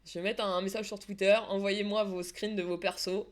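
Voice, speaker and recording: A woman's voice: mid-range voice, level tone, a little fast. A woman streamer, chatting casually with her viewers and casting a football video game match, with many fillers and restarts. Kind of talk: casual live-stream esports commentary.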